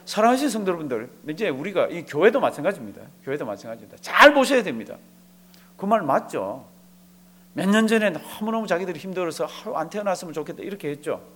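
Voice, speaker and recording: A man's voice: sits high, very animated, quick pace, a bit bright. A man preaching a sermon as a pastor, asking the congregation rhetorical questions and acting out bits of dialogue as he tells a story.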